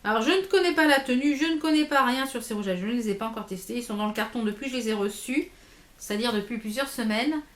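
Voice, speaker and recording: A woman's voice: on the high side, fast. Chatty woman, echoey room. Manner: chatty, many fillers and restarts. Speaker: beauty vlogger. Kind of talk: casual haul video chat.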